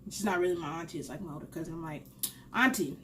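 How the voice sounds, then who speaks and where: A young adult woman hosting a mukbang, casually telling a funny story while eating, animated and swearing freely. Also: low voice, very fast, noisy background. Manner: candid and animated, swears freely, laughs at her own story. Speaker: mukbang host.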